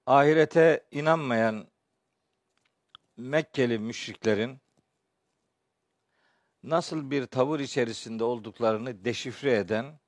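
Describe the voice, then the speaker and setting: A man giving a religious lecture as a teacher, his voice hoarse and strained, phrasing deliberately with pauses. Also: mid-range voice, no echo. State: hoarse from shouting the day before, clearing his throat often. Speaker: Quran teacher and preacher. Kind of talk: spoken religious lecture with verse commentary.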